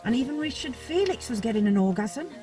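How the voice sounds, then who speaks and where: A woman hosting her own vlog in a loose, chatty way, laughing at herself as she fumbles place names. Her voice sits high for a woman. The mic is a little distant, with faint music in the background. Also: animated, brisk, warm tone. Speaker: vlogger, host of the channel. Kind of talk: casual vlog chat.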